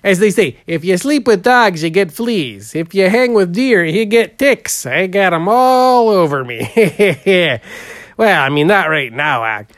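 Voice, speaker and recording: A man's voice: high-pitched, lively intonation, measured pace, a bit bright, no room sound, studio quality. A man playing a rambling folksy painter. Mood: goofy. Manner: drawling, rambling, full of "uh" and "there". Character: folksy heavyset male portrait painter, goofy. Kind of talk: improvised comedy interview.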